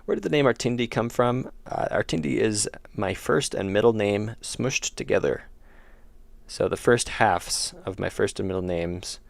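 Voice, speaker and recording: A young man livestreams his indie game development and chats casually with viewers, answering their messages. His voice is lowish and gravelly with no room sound, and he rambles and corrects himself while losing his voice and feeling a bit sick.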